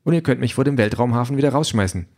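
A man's voice: medium pitch, racing, darkish tone, pitched above the performer's own voice, natural voice. A man voicing a cool, teasing young woman in an audiobook, mocking and sure of herself. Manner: cheeky, mocking.

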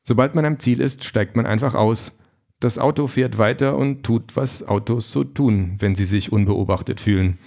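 A man voicing a father who shares folksy wisdom in a wry, unhurried way. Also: medium pitch, vocal fry, a little mellow, close to an everyday voice.

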